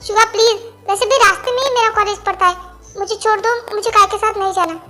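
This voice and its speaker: A woman's voice: extremely high pitch, fairly even intonation, fast talker, bright, forceful tone, echoey room. Girl doing a young college girl begging, a bit evasive, light music in back. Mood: pleading. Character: pleading, evasive young woman student.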